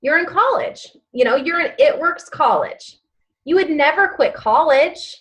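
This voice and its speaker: A woman's voice: sits high, expressive, measured pace, a bit bright, rough recording. Chatty upbeat woman leading a live training. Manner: chatty and upbeat, many fillers; gives step-by-step instructions, repeats key phrases. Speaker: direct-sales team leader. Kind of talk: live online training session.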